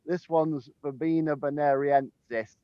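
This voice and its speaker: Strolling a sunny garden with a handheld phone camera, the head gardener speaks in a somewhat high, steady, unhurried voice. The tour chat is casual and full of chuckles between ums, recorded with no echo and the highs cut off.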